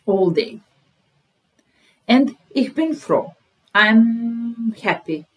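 A German teacher in her thirties sits at a webcam in a small room, patiently repeating phrases word by word. Her slightly high, slightly rough voice moves very slowly, with lively intonation, as she explains the lesson.

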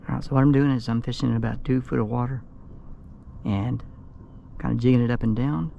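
Out on a flooded lake, a man with a Southern American accent vlogs his kayak fishing trip, chuckling often as he explains his technique in easygoing outdoor commentary. His mid-range voice is brisk and creaky with fairly even intonation. The boat-mounted action camera leaves the highs cut off and adds a little hiss or hum.

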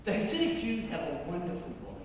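A man preaching a parish mission sermon, telling stories with dramatic pauses and emphatic rises. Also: high-pitched, huge pitch swings, a little hiss or hum. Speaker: priest leading a parish mission. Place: large church. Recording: echoey church from far off.

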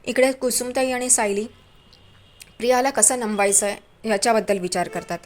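Chatty woman retelling a serial, slightly high. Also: steady tone, moderate pace. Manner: chatty, with mocking asides about the characters. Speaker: TV serial recap narrator. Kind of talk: storytelling recap of a TV serial episode.

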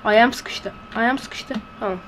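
Hushed, excitable woman gaming. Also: on the high side, slow pace, slight background noise. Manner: excitable, blurting reactions and slang; talking in a hushed voice. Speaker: gameplay commentator. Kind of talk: let's-play commentary. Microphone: close to a desk microphone.

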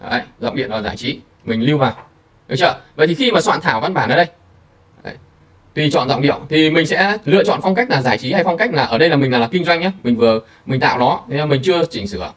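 A man hosting a screen-recorded software tutorial, talking casually to viewers with many fillers. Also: mid-range voice, recorded from a distance. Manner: chatty, filler-heavy, addresses viewers directly. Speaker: tutorial host.

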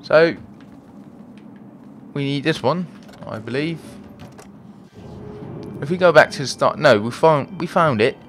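A man's voice: a little high, lively intonation, takes it slowly, pauses often, background noise. A man hosting a let's play video, chatting, thinking aloud, and joking at his own expense as he plays. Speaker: gaming video host.

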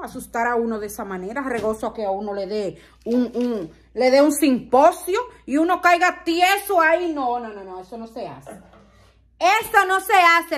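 High-voiced woman vlogger. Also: animated, normal speed, few pauses. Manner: dramatic, exclamatory storytelling. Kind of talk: casual storytelling to viewers.

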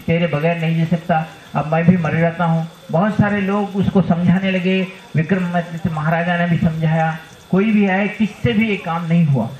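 A spiritual teacher, a man, telling a devotional story and acting out the characters' lines in raised voices. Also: high-pitched. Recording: dull roomy hall recording with faint noise.

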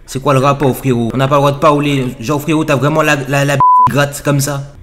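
A man's voice: mid-range voice, flat delivery, a little fast, close to an everyday voice. A young man voicing a cocky, touchy young Guadeloupean man with a thick Guadeloupean accent, speaking in an exaggerated, indignant way. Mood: offended. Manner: exaggerated, indignant, keeps repeating "frérot". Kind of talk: prank role-play on video chat.

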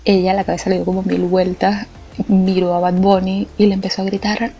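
A young Venezuelan woman telling a funny anecdote in a lively, colloquial way, laughing often. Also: mid-range voice, a little fast, breathy edge. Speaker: art vlogger. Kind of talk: casual storytelling. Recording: slightly muffled with faint music. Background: faint background music.

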